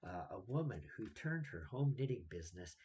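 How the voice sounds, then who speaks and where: A hushed, deep-toned male radio presenter, put on by a man in mockery, speaking in a fake soft, soothing announcer voice. The delivery is quiet, low and gentle, as if introducing a feel-good segment. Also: big pitch swings, moderate pace, lo-fi sound, slight background noise.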